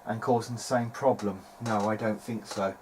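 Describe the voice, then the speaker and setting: Speaking at a normal speed in a lowish, fairly even voice, a man fixing vintage audio gear muses hesitantly for his hobby video. The clip comes from a handheld camera at his home bench and is clearly noisy.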